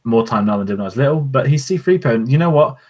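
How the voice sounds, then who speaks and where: Racing along with lively intonation, a podcast co-host speaks at medium pitch with a slightly mellow quality. His casual, opinionated chat rambles, captured on a podcast microphone.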